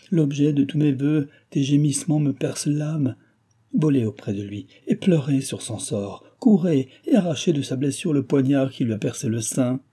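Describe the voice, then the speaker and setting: A man's voice: medium pitch, warm tone, breathy edge, close to an everyday voice. A man reading the part of a distraught young woman who pleads in frantic outcries, in an audiobook.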